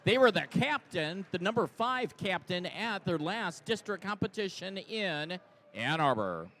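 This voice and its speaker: A man announcing teams at a live event in a booming, hyped fighting-game announcer manner, drawing out the names. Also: unhurried, a bit bright. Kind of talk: hyped team introductions at a live competition.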